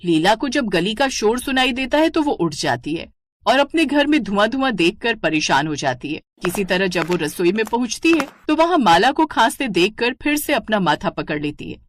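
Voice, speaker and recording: A woman's voice: mid-range voice, moderate pace, no room sound. A woman narrating a cartoon moral story. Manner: steady storytelling.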